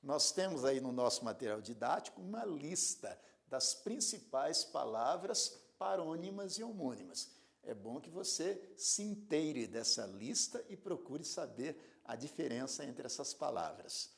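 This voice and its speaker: A man's voice: medium pitch, sing-song, measured pace, vocal fry. A man teaching a grammar lesson, spelling out words and giving examples in a didactic way. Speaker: Portuguese teacher.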